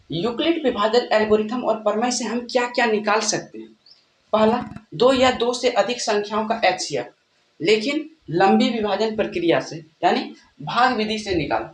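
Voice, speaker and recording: A man's voice: high voice, animated, normal speed. Male tutor with frequent check-ins, echoey room. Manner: asks questions and answers them himself, checks in with "ठीक है". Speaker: maths tutor. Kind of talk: classroom-style lesson explanation. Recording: echoey room with faint background noise.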